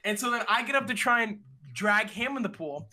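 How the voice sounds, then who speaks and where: A young man, a streamer, telling a story in a casual conversation, animated and slangy, acting out what other people said. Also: high-pitched, brisk. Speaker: streamer guest.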